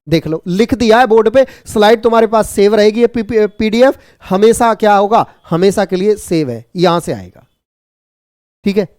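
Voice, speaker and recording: A man teaching an online exam-prep class, brisk and repetitive, teasing and jokingly scolding his students. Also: high voice, lively intonation, darkish tone, no room sound, clean studio sound.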